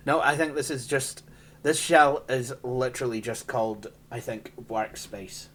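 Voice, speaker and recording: A man's voice: medium pitch, a bit bright, slight background noise. A Scottish man casually walking through an old operating system, rambling and poking fun at himself, laughing often. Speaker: tech channel host. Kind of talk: casual hands-on software walkthrough.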